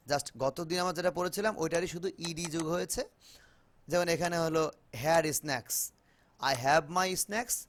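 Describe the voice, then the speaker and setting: Bengali-accented male English tutor on a video call; slow, deliberate, a touch high-pitched. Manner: mixes Bengali and English, repeats words slowly for students. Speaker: English teacher. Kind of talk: online spoken English class.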